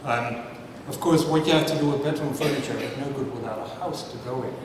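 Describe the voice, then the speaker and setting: A little fast in delivery, the fifty-something Dutch speaker keeps his science-night talk casual and self-deprecating, regularly quizzing the crowd. Captured from afar, his voice resounds through the big hall, and a distinct noise layer lies under everything.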